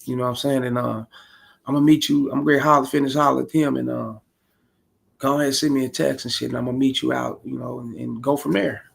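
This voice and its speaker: Gravelly, blunt man in his forties. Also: medium pitch, level tone, fast talker. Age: 40s. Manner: blunt, profane, rambling street talk. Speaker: streamer reacting to a video. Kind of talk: casual streamed commentary.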